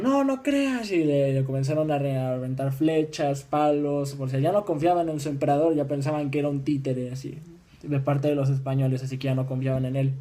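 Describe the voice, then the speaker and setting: A young man from Mexico giving an informal history talk, halting with many restarts and fillers. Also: on the high side, mellow. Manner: acts out voices in dialogue.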